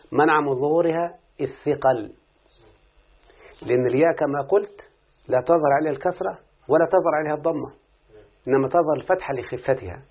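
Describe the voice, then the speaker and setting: A man's voice: on the high side, husky. A man with an Egyptian accent teaching an Arabic morphology lesson, constantly quizzing his student with questions. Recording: phone-like lo-fi audio.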